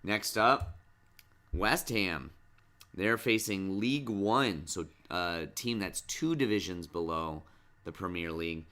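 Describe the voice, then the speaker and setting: A man's voice: low-pitched, takes it slowly, bright, forceful tone. A middle-aged man hosting a casual sports podcast with his child, patiently asking question after question and coaxing answers. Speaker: podcast host and dad.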